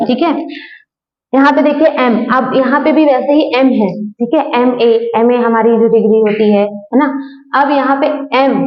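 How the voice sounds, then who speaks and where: A woman teaching an English grammar lesson. She keeps asking questions and answering them herself, and she explains patiently, going over each point again and again. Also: a little high. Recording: echoey room, dull lo-fi sound.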